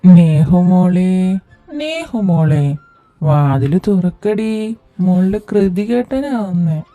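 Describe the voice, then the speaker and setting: A woman voicing a drunken, bossy husband who shouts orders at his wife in a fan audio drama. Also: on the low side, expressive, extremely slow, dry recording, faint music behind. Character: drunken blustering husband, adult man.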